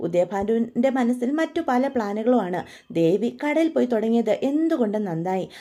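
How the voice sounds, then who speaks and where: Chatty lady recapping a soap, warm mellow voice. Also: on the high side, animated, normal speed. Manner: chatty, with frequent tag fillers. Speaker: storyteller retelling a TV serial. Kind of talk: casual story retelling.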